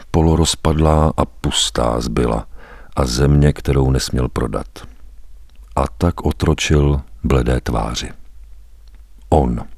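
A man reading a story aloud as a narrator, grave and measured, with weighty pauses. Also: rumbling low, gravelly, darkish tone, husky, no room sound, clean studio sound. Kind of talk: dramatic audiobook narration.

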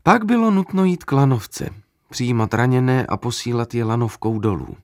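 A man narrating a literary story in the first person, in a measured, dramatic way. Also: mid-range voice, animated, no room sound, studio quality.

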